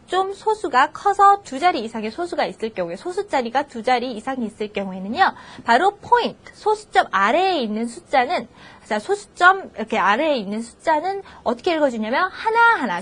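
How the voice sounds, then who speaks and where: A woman teaches a scripted English lesson, her voice high and swinging widely in pitch. She keeps prompting her students with quick questions. She reads each English example out slowly and deliberately. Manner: slow, drawn-out English model phrases between Korean explanations.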